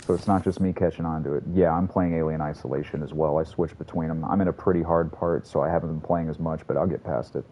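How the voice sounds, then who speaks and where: A man's voice: a bass voice, steady tone, fast, few pauses, dark tone, slight background noise. A man streaming a video game, rambling and swearing casually as he talks to his chat. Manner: rambling, profane, chatty. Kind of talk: casual gameplay commentary to a live chat.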